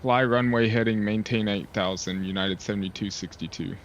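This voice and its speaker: A man acting as a pilot, reading back air traffic clearances in clipped radio phraseology through a cockpit headset mic. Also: on the low side, fairly even intonation, brisk. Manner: clipped, formal call sign readbacks. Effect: pilot speaking over a cockpit headset mic. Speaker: sim pilot talking to online air traffic control. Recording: dull lo-fi headset mic, faint hiss.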